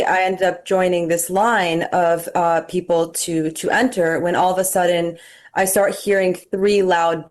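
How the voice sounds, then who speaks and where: Halting young woman, lowish voice. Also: darkish tone. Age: young adult. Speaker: student eyewitness guest. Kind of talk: first-hand account in an interview.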